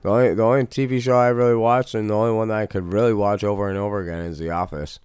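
A man's voice: on the low side, steady tone, very fast, darkish tone, smooth, no room sound, studio quality. A man guesting on a podcast, talking bluntly and swearing casually. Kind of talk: casual chat.

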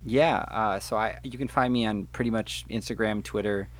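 A man's voice: on the low side, fairly even intonation, normal speed. A man appearing as a podcast guest, chatting in a friendly, rambling way with many fillers. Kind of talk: casual podcast chat.

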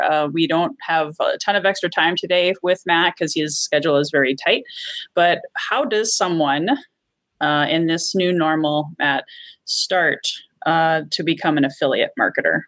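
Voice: medium pitch, normal speed, a bit bright, no room sound. An interview host introducing a guest and asking questions in an upbeat, chatty way. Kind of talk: casual interview hosting.

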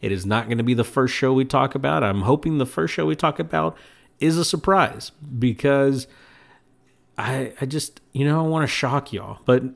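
A man's voice: medium pitch, moderate pace, gravelly. A man hosting his own podcast, talking alone in a rambling, self-mocking way and laughing at his own jokes. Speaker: podcast host. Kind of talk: casual solo podcast monologue.

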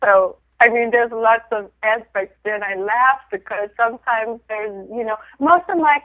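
Speaking at a fairly high pitch and a normal speed, a middle-aged woman from Denmark reflects on her work photographing women during a casual interview. The tinny phone-line recording has no room sound. She laughs often and keeps restarting what she says.

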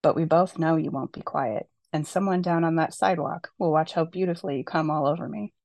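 A woman author reading a passage from her own novel aloud, at a steady, unhurried pace with light emphasis on the dialogue. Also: sits low, creaky, no echo.

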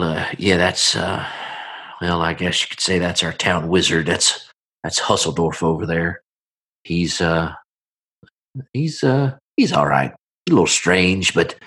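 Guy doing an easygoing middle aged barkeep in an rpg, lowish voice, obliging, folksy, kinda hesitant. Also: fairly bright tone, breathy edge, exaggerated voice.

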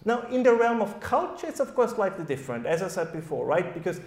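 A man with a German accent addresses a live audience in a loose, conversational way, often tossing in a quick "right?". His voice sits fairly high for a man and rings out in an echoey hall. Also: very animated. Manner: conversational, keeps checking in with "right?". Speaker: panel speaker. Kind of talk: live panel talk to an audience. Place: event hall at a summer school.

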